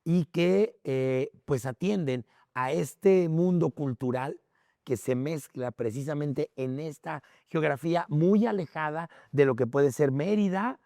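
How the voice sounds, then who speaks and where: A man with a Mexican accent appears as a guest history expert on a podcast, his fairly high voice slow, warm and touched with vocal fry, in dry studio-quality sound. He explains conversationally and didactically, checking in with short tag questions.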